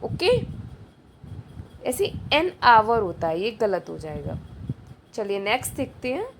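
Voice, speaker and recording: A woman's voice: mid-range voice, very animated, measured pace, creaky. Woman teaching exam prep, keeps asking and answering herself, bit of faint noise behind. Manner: quizzing, repeats answers, asks and answers herself.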